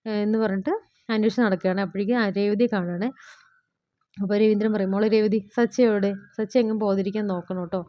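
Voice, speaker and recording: A woman casually retelling a TV serial episode in a rapid, chatty way, full of fillers and quick quoted lines. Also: medium pitch, steady tone, dull audio.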